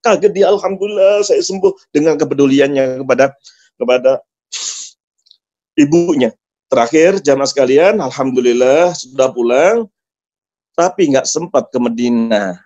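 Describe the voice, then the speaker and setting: A man's voice: mid-range voice, moderate pace, long pauses, dark tone. A male preacher telling a religious story as a dramatic, emotional sermon. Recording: dull lo-fi sound.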